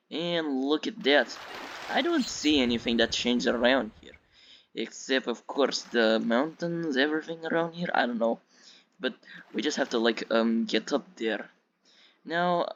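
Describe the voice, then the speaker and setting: A Russian YouTube game reviewer with a Russian accent rambles casually through gameplay commentary, often repeating himself. His voice is mid-range and a little bright. The mic sounds dull and lo-fi, with music playing behind.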